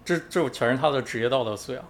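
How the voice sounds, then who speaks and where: Man, podcast co-host, brisk pace, calm patient explaining, mid-pitched voice. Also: a little hiss or hum. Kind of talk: casual podcast chat.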